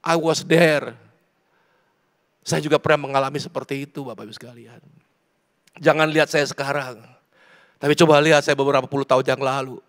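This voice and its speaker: A man from South Sumatra preaching a sermon to his congregation, swinging between loud pleading and hushed prayer. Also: mid-range voice, steady tone, fairly quick, pauses often. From South Sumatra, Indonesia. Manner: repeats words, addresses congregation directly. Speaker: pastor. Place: church.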